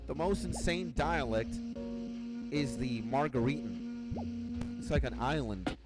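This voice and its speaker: A man's voice: on the high side, big pitch swings, slow. A young man from Venezuela with a Venezuelan accent, chatting loosely and rambling while he streams a game. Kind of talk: casual chat while gaming. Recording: game music playing behind. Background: clear background music.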